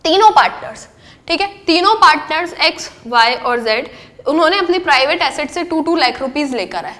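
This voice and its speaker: Woman, young adult, high voice, accountancy teacher, classroom lecture, asks and answers own questions, mixes in English terms. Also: expressive, normal speed, a bit bright.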